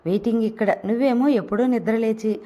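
A woman's voice: a little high, fast, dark tone, close to an everyday voice. A woman voicing a sarcastic, teasing young man who needles his younger cousin in an audio novel. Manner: mocking, sarcastic retorts.

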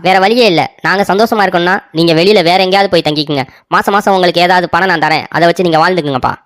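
A woman's voice: lowish voice, very fast, faint music behind, close to an everyday voice. A woman voicing a naive, easily swayed grown son in a cartoon story, with whiny, pleading requests. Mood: blaming.

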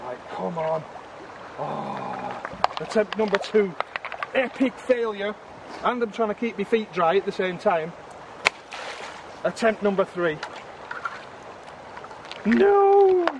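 A middle-aged man chatting excitably to his viewers while magnet fishing outdoors in a river, filmed on a camera. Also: high voice, slow pace, vocal fry, pauses often, very noisy. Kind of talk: casual outdoor commentary. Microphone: camera on a tripod or handheld.

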